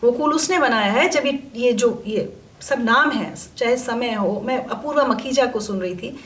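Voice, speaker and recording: A middle-aged woman, an interview guest, telling her stories with animated emphasis in a conversational interview. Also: fairly high pitch, unhurried, echoey room. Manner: animated, emphatic storytelling, acts out quoted voices. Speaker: interview guest, media personality.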